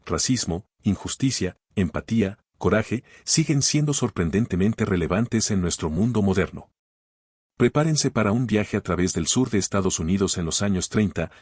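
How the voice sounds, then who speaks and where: A man hosting a podcast, reading scripted literary commentary in a measured, formal way and posing rhetorical questions. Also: sits low, a little mellow, slightly rough, no echo, clean studio sound. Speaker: podcast host.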